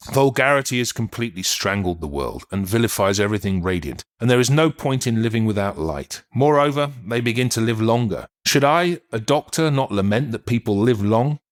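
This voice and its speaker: A man's voice: mid-range voice, natural voice. A man reading as the melancholy spirit of a dead writer and doctor, rueful and apologetic in an audiobook. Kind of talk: audiobook reading of a channeled letter.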